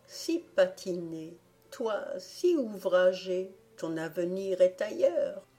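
A woman doing a tired old wardrobe. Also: on the low side. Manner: soft, plaintive, pleading.

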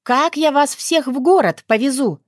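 A woman reader voicing an angry, bossy young woman who scolds in a sharp, raised voice. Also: fairly high pitch, big pitch swings, moderate pace, no echo, clean studio sound, pitched above the performer's own voice. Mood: indignant.

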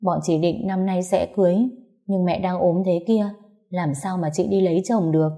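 A woman voicing a grieving adult daughter who speaks quietly and sadly about her ill mother. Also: fairly low pitch, fairly even intonation, moderate pace, close to an everyday voice.

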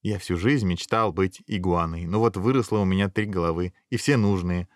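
A mild, philosophical dragon head from a storybook, read by a man, unhurried and polite. The voice is close and dry. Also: low-pitched, no echo, close to an everyday voice. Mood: amiable.

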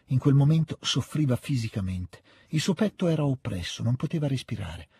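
Husky, dark-voiced male reader. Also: mid-range voice, lively intonation. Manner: measured, dramatic storytelling with voiced dialogue. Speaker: reader of a novel. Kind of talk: audiobook reading for radio.

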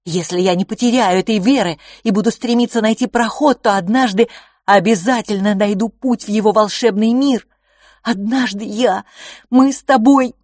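A woman voicing an impassioned young boy, a dreamer quick to anger, pleading near tears in an audiobook. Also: medium pitch, darkish tone, no echo, studio quality, close to an everyday voice. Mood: agitated pleading. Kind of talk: audiobook character voice.

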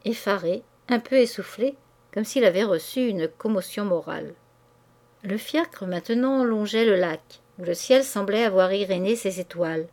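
Woman reading a classic novel aloud. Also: mid-range voice. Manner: measured, expressive reading. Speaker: audiobook reader. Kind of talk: literary audiobook narration.

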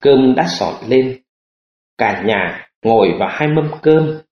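A man narrating an audiobook in an expressive storytelling manner. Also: medium pitch, slow. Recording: roomy lo-fi audiobook recording.

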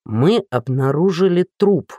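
A man's voice: a little high, expressive, measured pace, dark tone, dry recording. A reader voicing a gloomy, tactless male police captain who drawls his blunt remarks. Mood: glum.

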